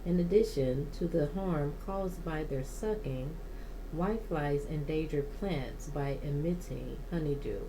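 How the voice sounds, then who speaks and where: A woman hosting a plant channel, reading aloud from a houseplant book in a halting way, stopping to correct herself and add her own comments. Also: sits low, noisy background.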